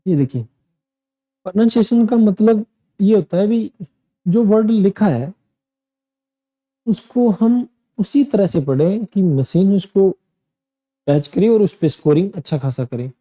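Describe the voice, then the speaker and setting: A man's voice: sits high, expressive, a little slow, long pauses, warm tone, rough recording. A man coaching students through an English exam, explaining things directly and repeating points as a teacher. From India. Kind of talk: classroom lesson explaining exam tasks.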